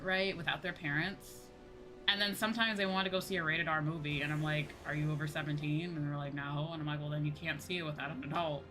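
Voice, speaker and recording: Gaming on stream, this young American woman talks in a relaxed, fairly low-pitched voice, cursing freely and acting out irritated exchanges with lively energy. Background music is plainly audible beneath her.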